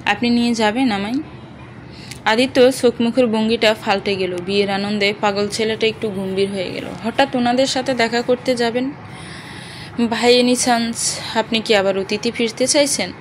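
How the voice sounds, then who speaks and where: A woman's voice: a little high, fairly even intonation, moderate pace, slight background noise, low-quality recording. A woman reading an audio story aloud, narrating and speaking every character's dialogue in one voice.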